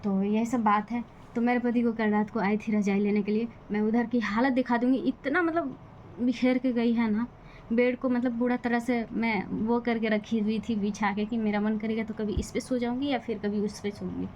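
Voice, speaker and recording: A woman's voice: fairly high pitch, fairly even intonation, normal speed, darkish tone, dull audio, a little hiss or hum. A young woman talking in a casual vlog, venting with bitter, defiant frustration about her family. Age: young adult. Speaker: vlogger. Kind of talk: casual personal vlog talk.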